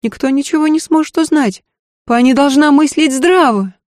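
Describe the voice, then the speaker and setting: Brief: frightened high-voiced maid, timid and pleading, read by a woman, dry close read. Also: normal speed, a little mellow, no room sound, lightly acted.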